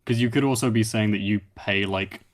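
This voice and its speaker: A man in casual gaming chat, explaining his reasoning in a measured way. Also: on the low side.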